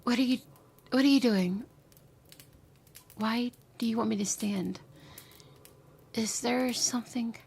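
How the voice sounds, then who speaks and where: She sounds surprised and flustered in this take as the future-returned former bully, lovesick and obsessive, in an intimate ASMR roleplay. Fairly high and a little mellow, her breathy voice is tender, emotional and halting, frequently dropping to a whisper, over a slight hiss or hum.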